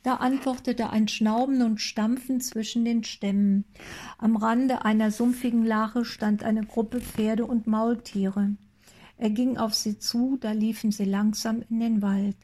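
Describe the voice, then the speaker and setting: A woman narrates a story in calm, measured scripted narration. Her voice is mellow and slightly high, and it stays level in pitch. She reads at an unhurried pace.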